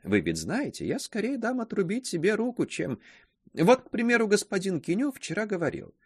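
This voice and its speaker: Man doing a sly old spinster voice, higher pitched, lively insinuating tone, dry close sound. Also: breathy edge, no echo, exaggerated voice. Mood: sly gossip. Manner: insinuating, drawn-out pauses.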